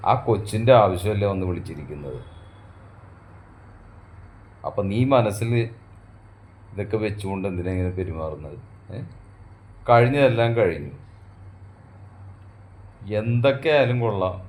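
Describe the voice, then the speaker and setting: A man playing a husband in a domestic skit, coaxing and gently scolding his wife in an affectionate way. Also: deep voice.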